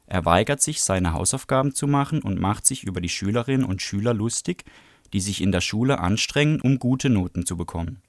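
Low-voiced man presenting a book. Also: expressive, brisk, no room sound, clean studio sound. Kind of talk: book review and read-aloud.

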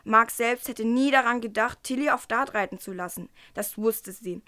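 Woman, earnest book presenter reading a storybook aloud, slightly high voice, careful delivery with the odd stumble. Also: moderate pace, sharp tone, dry recording, clean studio sound.

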